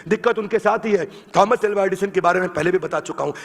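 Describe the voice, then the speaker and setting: Emphatic high-voiced male speaker. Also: fast, in a large hall. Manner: emphatic, repetitive, leads audience chants. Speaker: motivational speaker. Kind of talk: motivational seminar speech. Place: large hall with live audience.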